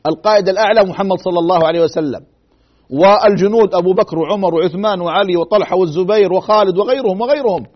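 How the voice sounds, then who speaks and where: A man giving a dramatic religious storytelling lecture, swinging between loud emphasis and hushed tones and asking rhetorical questions. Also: high voice. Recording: dull lo-fi broadcast recording.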